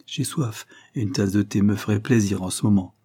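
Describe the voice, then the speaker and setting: A man reading aloud voices a gentle, tired young wife who speaks softly and quietly. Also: on the low side, fairly quick, husky. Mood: weary, gentle. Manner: soft and hushed. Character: gentle, weary young lady, soft-spoken.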